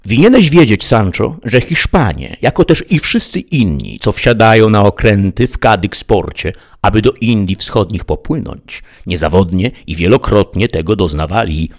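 A lofty old knight from a storybook reading who holds forth in grand, lecturing speeches, as a man puts him on. His low voice rises and falls with lively pitch. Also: normal speed, hardly any pauses. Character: pompous learned old knight, lofty and scolding. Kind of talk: audiobook character reading.

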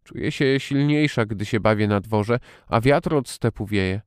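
A man's voice: fairly low pitch, unhurried, smooth, dry recording, studio quality, close to an everyday voice. A man voicing a shy young girl who stammers and pleads hesitantly, read as an audiobook character. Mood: timid pleading.

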